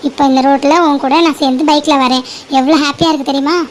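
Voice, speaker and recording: A woman's voice: high-pitched, fairly even intonation, fast, slight background noise, lightly acted. A woman voicing an emotional, dramatic young girlfriend in a cartoon. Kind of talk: cartoon voice acting.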